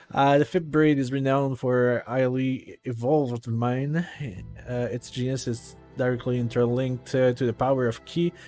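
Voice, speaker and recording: A man's voice: medium pitch, darkish tone. A man streaming a video game live, talking casually to chat with many fillers and restarts while he reads menus aloud.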